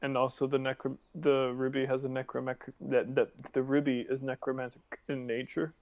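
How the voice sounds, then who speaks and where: A young man with a gravelly edge to his voice plays his character in a tabletop game. He talks in a dry, self-assured way, at an ordinary middle pitch. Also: flat delivery, moderate pace, darkish tone. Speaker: player.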